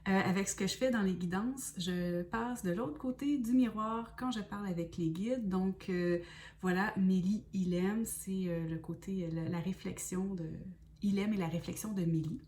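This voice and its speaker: A woman's voice: mid-range voice, normal speed, darkish tone, a little hiss or hum. Québécoise woman, slightly distant mic. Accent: Québécois French. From Quebec. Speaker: oracle card reader and spiritual guide. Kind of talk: casual self-introduction video.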